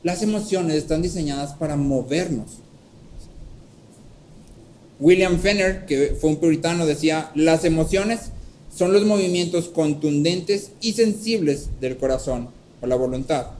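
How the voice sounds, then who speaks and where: A man preaching a sermon, teaching step by step and often checking in with a quick "¿sí?", and acting out a story with lively voices. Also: on the high side, a little hiss or hum, poor audio. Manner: checks in with frequent "¿sí?". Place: church hall.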